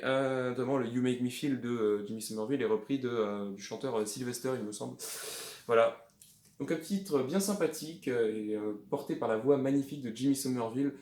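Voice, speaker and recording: A man chatting casually about his secondhand records, hesitant and rambling but fond of the music. His voice sits at an ordinary middle pitch. The room gives it a noticeable echo. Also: darkish tone. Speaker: record collector vlogger. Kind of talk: casual show-and-tell of flea-market finds. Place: indoors at home. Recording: echoey room.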